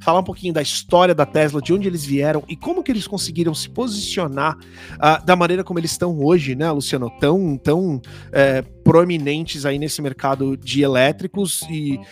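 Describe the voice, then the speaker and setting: Upbeat-pitched Brazilian man hosting a podcast, music behind. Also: a little fast. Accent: Brazilian Portuguese. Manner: chatty, informal, uses slang and tag questions. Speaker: podcast host. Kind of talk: casual podcast chat.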